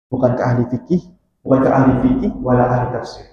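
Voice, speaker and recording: A man's voice: mid-range voice, dark tone. Male religious teacher in an echoey mosque. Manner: explains patiently, repeats key terms, chants Quran verses slowly. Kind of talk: mosque study lesson on Arabic grammar. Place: mosque hall. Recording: echoey mosque hall, dull lo-fi sound.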